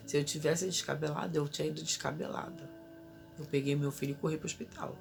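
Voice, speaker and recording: A woman's voice: low-pitched, fairly even intonation, fast, gravelly, over music. A woman in her thirties telling an emotional personal story as a mother, urgently reliving her own desperate cries for help.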